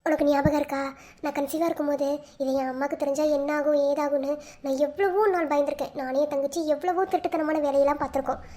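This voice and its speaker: A woman voicing a young pregnant wife who speaks softly and pleadingly to her absent husband, and later scolds possessively, in an amateur cartoon story. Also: sits high, steady tone, fast, natural voice. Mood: tender, sorrowful.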